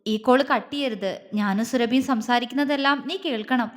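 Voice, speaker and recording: A woman voicing a grown man who is protective and tender, talking in a calm, serious, reassuring way. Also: a little high, normal speed, long reverb tail, lightly acted.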